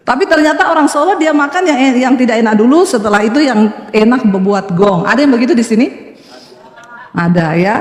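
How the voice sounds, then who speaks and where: A woman pastor with a Sulawesi accent, preaching a sermon to a congregation in a church hall through humorous storytelling. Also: high voice. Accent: Sulawesi Indonesian. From Sulawesi, Indonesia. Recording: echoey church hall, long reverb.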